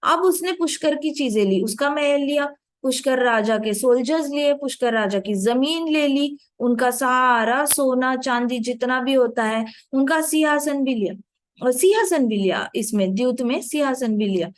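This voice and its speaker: A woman's voice: high voice, lively intonation, moderate pace, dry recording. A woman telling a devotional story in a casual way, with many fillers and repeated phrases. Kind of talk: devotional storytelling, Hindi mixed with English.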